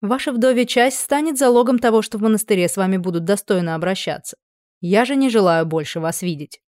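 A woman's voice: mid-range voice, a little fast, darkish tone, no echo, lightly acted. A woman voicing a cold, sardonic middle-aged king who talks in a cutting way, in a dry recording. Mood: stern.

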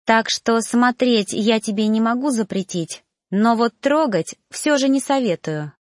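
A woman's voice: on the high side, measured pace, no room sound, clean studio sound, voice pushed up, close to an everyday voice. A woman voicing a bold, teasing young female apprentice in an audiobook, with a raised, mocking voice. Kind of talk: audiobook character voice.

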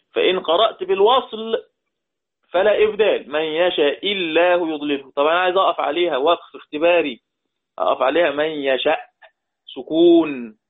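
Egyptian sheikh teaching recitation, tinny sound. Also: male voice, on the high side. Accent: Egyptian Arabic. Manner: slow chanted verse quotes mixed with quick colloquial explanation, quizzing students. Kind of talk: classroom lesson on recitation rules. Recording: tinny phone-like audio.

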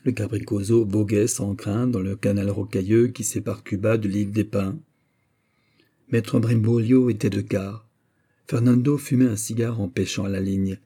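Dark-voiced man reading an old sea tale. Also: fairly low pitch, fairly even intonation, moderate pace, slightly rough. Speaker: audiobook reader. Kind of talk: literary narration.

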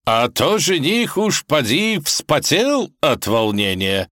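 A man's voice: fairly high pitch, big pitch swings, takes it slowly, pushed and bright, no echo, clean studio sound, pitched above the performer's own voice, heavily acted. A man voicing a jovial, boisterous older male kaiser who declaims rhymes.

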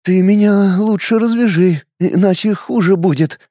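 A man's voice: normal speed, mellow, no echo, clean studio sound. A man voicing an injured young woman held captive, who snaps and sobs in a raised, strained voice. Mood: snarling. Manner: shrill, snapping and sobbing.

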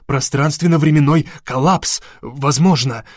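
A man's voice: on the high side, unhurried, no room sound. Guy reading an alarmed scientist dude, exclaims then mutters grim stuff, dry close sound.

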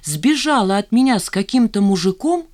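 A woman's voice: mid-range voice, lively intonation, normal speed, a little mellow, voice pushed up, natural voice. A woman reading the part of a jealous, brooding young man in an audiobook, gloomy and reproachful.

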